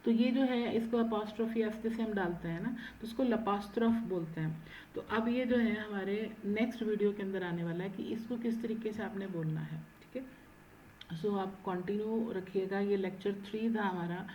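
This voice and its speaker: A woman teaching French in an online lecture, stressing each word slowly and often checking in with "है ना". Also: mid-range voice, mellow, dull audio, a little hiss or hum. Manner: mixes Hindi and English, frequent "है ना". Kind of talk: online lecture explaining accent marks.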